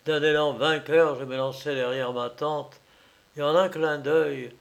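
A man reads a story aloud at an unhurried, deliberate pace. His voice sits a little high for a man, and his telling is measured and theatrical. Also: fairly even intonation, gravelly. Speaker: narrator. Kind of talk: audiobook reading.

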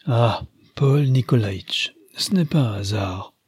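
Man doing a brisk, grave grandmother. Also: medium pitch, a little mellow, breathy edge, dry recording, studio quality. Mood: confiding. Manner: brisk and emphatic, gets straight to the point.

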